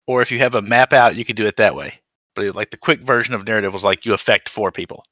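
Man, tabletop player, casual talk, bright voice, mid pitch, dry recording. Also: fast, no room sound. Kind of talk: casual game chat.

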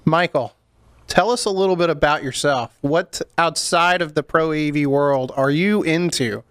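A man co-hosting a podcast, quick with teasing wisecracks. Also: on the high side, a bit bright, clear, resonant tone, no room sound, clean studio sound. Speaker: podcast co-host. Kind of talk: casual podcast chat.

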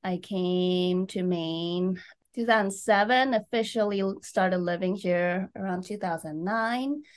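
A woman from Taiwan, an illustrator, telling her story in an interview in an unhurried, thoughtful way. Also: fairly low pitch. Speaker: guest illustrator.

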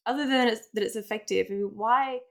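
A woman hosts a podcast interview, her voice full of vocal fry. She asks questions and answers her guest with enthusiastic, affirming remarks. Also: on the high side, fairly quick. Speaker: podcast host.

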